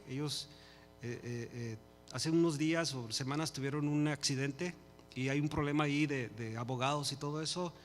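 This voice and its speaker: An older man preaching a sermon in Spanish and then praying, talking to the congregation with passion, swinging between loud peaks and quiet asides. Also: a little high, a little hiss or hum. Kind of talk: Spanish-language sermon and prayer. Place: church hall. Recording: long hall reverb with faint music.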